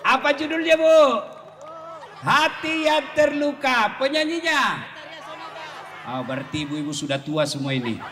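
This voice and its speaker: A high, animated male preacher in a hall. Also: a faint crowd. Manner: animated, joking, breaks into slow singing. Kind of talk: humorous sermon. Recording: long hall reverb, faint noise.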